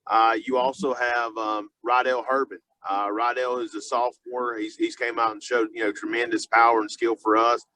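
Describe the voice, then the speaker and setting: A male football coach talks through an unscripted sports interview. His voice sits at an average pitch, and his sentences come haltingly, padded with fillers and doubled-back phrases. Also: little pitch movement, pushed and bright, poor audio. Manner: halting, filler-heavy, repeats and restarts phrases often. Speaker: high school football coach being interviewed.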